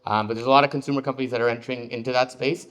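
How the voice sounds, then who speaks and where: Canadian man on a panel, investor type, laid-back, lots of ums, mid-pitched voice. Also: racing. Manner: relaxed, frequent ums. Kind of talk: panel discussion answer.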